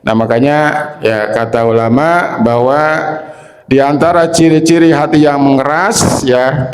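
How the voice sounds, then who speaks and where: Male preacher, mosque sermon, unhurried, keeps putting questions to the crowd, joking asides. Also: mid-range voice, fairly even intonation. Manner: slow, drawn-out, with frequent tag questions to the congregation.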